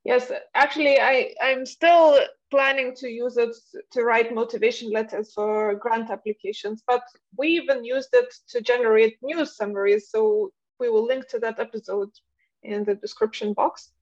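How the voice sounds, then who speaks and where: A woman co-hosts a podcast, asking questions and recapping points. Her voice sits a little high. The audio is dull and lo-fi. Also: fairly even intonation, normal speed. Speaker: podcast co-host. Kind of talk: conversational chat.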